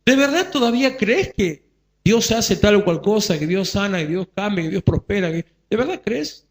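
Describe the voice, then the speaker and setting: A man's voice: high-pitched, expressive. A man voicing a taunting male devil from the River Plate. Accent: Rioplatense Spanish. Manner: mocking rapid-fire questions.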